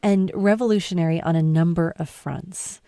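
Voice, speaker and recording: A woman's voice: on the low side, steady tone, normal speed, mellow, no room sound, studio quality. A woman interviewing as a public radio host, putting questions to a guest.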